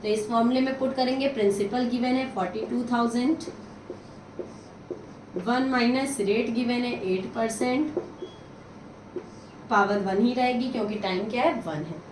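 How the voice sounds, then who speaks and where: High-voiced woman teaching maths, echoey room. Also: a little slow, long pauses, recorded from a distance. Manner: asks and answers her own questions; counts out sums aloud, mixing in English. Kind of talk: step-by-step maths lesson. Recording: echoey room, voice from off the mic, steady noise.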